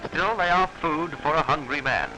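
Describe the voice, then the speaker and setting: A man narrates a 1940s instructional film, formal and instructive, with measured diction. His voice is on the high side and plays over music on an old, low-quality film soundtrack.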